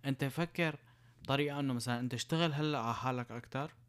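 A man's voice: medium pitch, rapid-fire. A young man with a Syrian Arabic accent chatting casually, explaining his points through everyday examples and rhetorical questions. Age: young adult. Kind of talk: casual chat.

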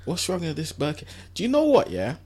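A man's voice: fairly high pitch, huge pitch swings, fairly quick, a little mellow, breathy edge. A young man with a London urban accent, teasing his co-host in casual, slangy banter. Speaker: podcast co-host.

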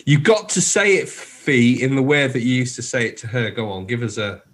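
A man's voice: mid-range voice, moderate pace, fairly bright tone. A man co-hosting a radio show, chatting casually and enthusiastically. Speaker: radio co-host.

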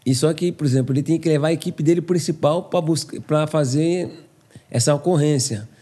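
A podcast guest tells stories casually in a slightly high, fairly quick voice. He's animated and acts out the quoted dialogue.

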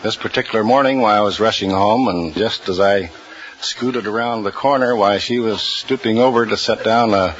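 An American man in his fifties answering as a quiz show contestant in a halting, plain-spoken way. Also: lowish voice. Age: 50s. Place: radio studio with audience. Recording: dull old radio recording, clear noise.

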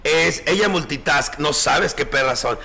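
High, gravelly drag host. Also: male voice, unhurried, bright, forceful tone. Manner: campy, affectionate, swears freely. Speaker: drag performer hosting a live show. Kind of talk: live call-in show chat.

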